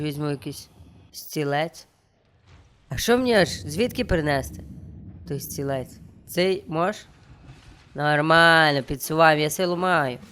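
Young guy, joking around while playing, voice a bit high, faint noise behind. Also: sharp tone. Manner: joking, talks to the game and viewers. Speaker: let's play streamer. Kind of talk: playful gameplay commentary.

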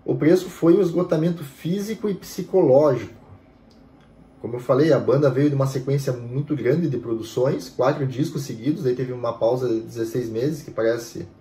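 In a home room lined with bookshelves, a man in his thirties who hosts a music history show explains things steadily to camera in a mid-range voice at normal speed. The room is echoey, and he frequently tags his sentences with "né."

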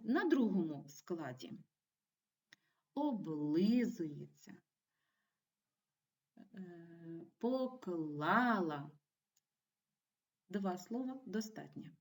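A woman teaching a primary school video lesson, giving clear and encouraging instructions to young children. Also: on the low side, animated, takes it slowly, darkish tone, far from the mic. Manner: clear, encouraging classroom delivery.

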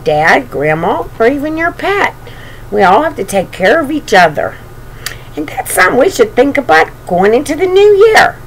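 An older woman with a medium-pitched, gravelly voice reads a storybook aloud and chats lovingly with small children. A webcam at arm's length records her in a small bedroom, and there's noticeable home noise.

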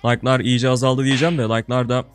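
A young man talks through his gameplay for viewers in a casual, slangy buddy tone. He swings from loud excited outbursts down to low grumbling mutters. Faint music plays softly under his voice. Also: fast. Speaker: gaming video creator.

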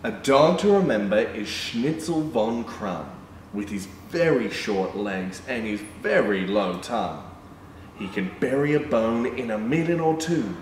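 Reading a picture book aloud for kids, this young adult storytime presenter gasps excitedly, throws in asides and exclaims throughout. His voice is lowish and unhurried. The indoor room has a painted backdrop, and the distant mic captures room echo and background noise.

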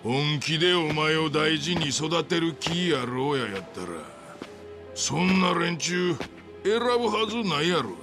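A man playing a scornful, domineering middle-aged yakuza boss in a video game, with a Kansai accent and a gravelly, mocking, bullying delivery. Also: fairly high pitch, expressive, measured pace, music in the background. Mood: scornful, goading. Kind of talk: dramatic video game acting.

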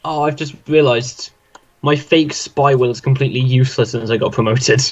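A man's voice: mid-range voice, moderate pace, lo-fi sound. A young man playing an online game and chatting casually with a friend, swearing and joking. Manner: sweary, laughing, banter. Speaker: let's play commentator. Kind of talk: casual gaming chat.

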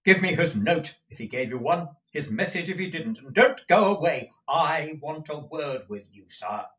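Casting: a man playing a cold commanding usurer, lively delivery, distant mic. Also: fairly high pitch, moderate pace, highs cut off, pitched above the performer's own voice. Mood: impatient. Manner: curt, commanding. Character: harsh impatient middle-aged male moneylender.

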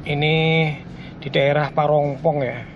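Driving on a road trip, a car vlogger with a fairly high voice chats casually and unhurriedly with his viewers, repeatedly calling them colleagues. His delivery is flat, and the slightly muffled sound carries a faint hum from the moving car.

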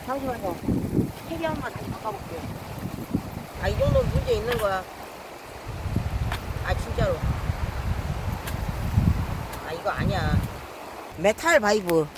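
A man vlogging while he fishes outdoors. He mutters apologies to the viewers, then breaks into loud, frustrated outbursts. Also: sits high, sing-song, normal speed, long pauses. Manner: self-mocking, swings between mumbled apologies and loud frustrated outbursts. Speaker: fishing vlogger. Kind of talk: casual solo vlog narration. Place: outdoors by the water. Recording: noisy outdoor recording.

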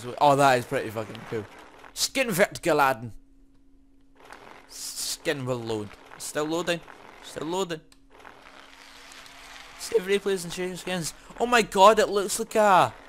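Male let's-player, sweary and jumpy, slow talker, hissy noisy mic. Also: a little high. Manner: excitable, swears, mutters to himself. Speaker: gaming YouTuber. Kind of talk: casual let's-play commentary.

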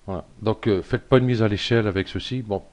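A man giving a casual software tutorial, thinking aloud with lots of fillers and little self-deprecating asides. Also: lowish voice, quick pace. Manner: rambling, thinks aloud with many fillers and "hop". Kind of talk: casual screen-recorded tutorial.

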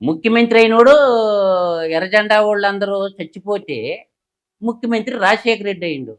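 Fiery high-voiced male political analyst. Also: a bit bright. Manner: combative, rapid rhetorical questions. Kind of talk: heated political commentary.

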